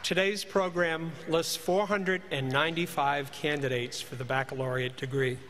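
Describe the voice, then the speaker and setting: Man at a podium microphone, formal ceremony announcer, deliberate name reading, faint room ambience. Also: a little high, steady tone, crowd noise, background noise. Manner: measured, deliberate reading of names. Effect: speaking into a podium microphone in a large hall. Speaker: commencement announcer. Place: large ceremony hall. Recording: reverberant hall, faint ambience.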